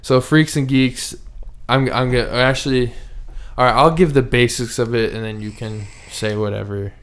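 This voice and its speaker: Young male podcast host, smooth resonant voice, relaxed rambling chat with fillers. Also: medium pitch, moderate pace. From Minnesota. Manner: laid-back, rambling, frequent fillers. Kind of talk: casual chat. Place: home, with dog beside him.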